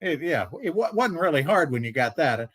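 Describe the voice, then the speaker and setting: A man's voice: on the high side, sing-song, fairly quick, fairly bright tone, husky, no echo. Older man recalling sports stories. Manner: storytelling, knowledgeable, hesitant fillers. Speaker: sports talk panelist, former anchor. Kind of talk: casual sports banter.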